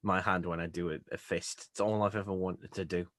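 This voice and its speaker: A man's voice: deep voice, steady tone, a little fast, a bit bright, no echo. A man co-hosting a podcast, chatting casually, laughing and swearing as he talks. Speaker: podcast co-host.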